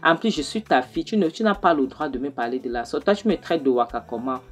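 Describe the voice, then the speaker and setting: A woman's voice: extremely low pitch, expressive, fast talker, slightly rough, faint music behind, exaggerated voice. A woman voicing a defiant young daughter. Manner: indignant, repeating herself. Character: angry young daughter defending her mother.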